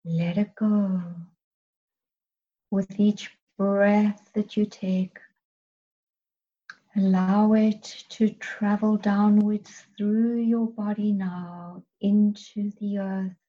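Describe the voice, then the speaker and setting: A woman guiding a healing meditation in a soft, soothing voice, sometimes whispering her breath cues. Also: medium pitch, flat delivery, extremely slow, lo-fi sound. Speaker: meditation guide.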